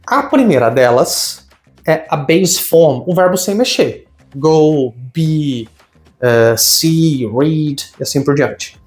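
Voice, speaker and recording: Lively male English teacher, echoey room. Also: on the high side, slow pace. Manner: explanatory, lively, rhetorical questions. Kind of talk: recorded grammar lesson. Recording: echoey room with faint music.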